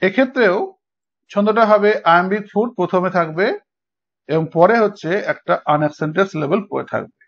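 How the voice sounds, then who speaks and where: A man with a Bengali accent gives an online lesson on verse meter. His voice sits high, and he keeps asking his students whether they follow. The recording sounds dull and lo-fi. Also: fairly quick, creaky. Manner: patient, checks understanding with frequent "okay?". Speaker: English literature tutor.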